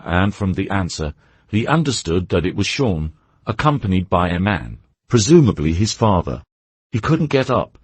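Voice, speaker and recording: A man narrating a novel as an audiobook, in a steady, descriptive storytelling way. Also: on the low side, slightly rough, no room sound.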